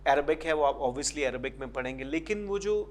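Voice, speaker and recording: A man's voice: on the high side, lively intonation. A man with a Pakistani accent, speaking in a slightly raised register. He answers as a guest teacher, explaining at length and switching into English phrases mid-sentence. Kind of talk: interview answers.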